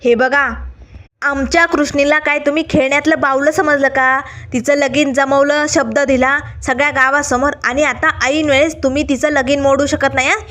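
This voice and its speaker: A woman's voice: high-pitched, fairly even intonation, normal speed, a bit bright. A woman voicing a fiery young village woman who confronts people indignantly.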